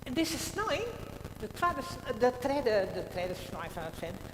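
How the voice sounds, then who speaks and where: A woman's voice: on the high side, big pitch swings, a little slow. A woman with a Frisian accent speaking as a pastor, addressing and praying with a congregation in a church service. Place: large indoor church. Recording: echoey church hall, long reverb, background noise.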